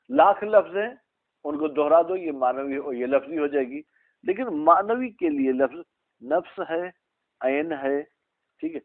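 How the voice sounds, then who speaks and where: A man teaching an Arabic grammar class, explaining slowly and quizzing his students by name. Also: fairly high pitch. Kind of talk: classroom lesson, questioning students. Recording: tinny phone-like recording.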